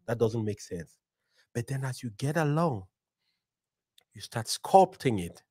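Recorded close on a boom-arm studio mic in a bookshelf-lined podcast studio, with no echo, a man in his forties originally from Cameroon speaks unhurriedly in a medium pitch with a breathy edge. As a guest, he tells motivational stories energetically, with preacher-like build-ups and many "right?" asides.

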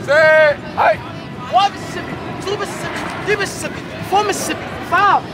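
A young man counting and shouting calls during a beach football game outdoors. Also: extremely high pitch, fairly quick. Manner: counting out loud, lively shouting. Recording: loud crowd and wind noise.

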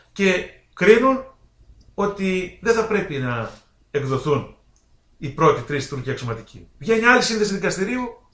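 A man hosting a daily political commentary show, talking straight to viewers in a folksy, indignant way that climbs toward shouting. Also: fairly high pitch, echoey room. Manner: indignant, rising to near-shouting at points; folksy, addresses viewers directly.

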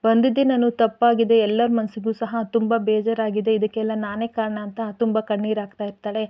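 A woman recapping a TV serial episode, retelling the story in steady storytelling and quoting the characters' lines. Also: a little high, fairly quick, muffled recording. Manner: steady storytelling with quoted dialogue.

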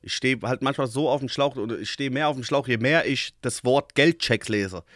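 A man's voice: mid-range voice, moderate pace, fairly bright tone, no room sound, clean studio sound. A man hosting a casual reaction to a rap song, thinking aloud as he picks apart lyrics and rhymes, with slangy talk and casual swearing.

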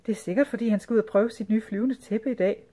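Hushed, gossipy palace girls, read by a woman for a storybook. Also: medium pitch, steady tone, voice pushed up, close to an everyday voice. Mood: gossiping. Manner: whispering, gossiping. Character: whispering young palace servant girls.

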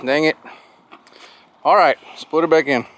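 Out in a gravel yard beside a metal shop, a man works hands-on with machinery and keeps up a casual, joking commentary for his vlog. His voice sits on the high side and is a bit bright, at a moderate pace, over noisy outdoor audio and a machinery hum.

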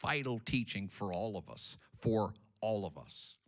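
A man's voice: on the low side, lively intonation, unhurried. A man preaching a sermon as pastor, emphatic and repetitive, calling on the congregation to respond, in a church sanctuary.

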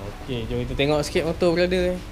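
Loud playful Malaysian motovlogger. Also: male voice, fairly high pitch, rapid-fire, crowd noise. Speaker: motovlogger host. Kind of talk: casual vlog chat. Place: motorcycle workshop and back lane, indoors and out. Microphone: action camera held at arm's length. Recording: loud street and traffic noise.

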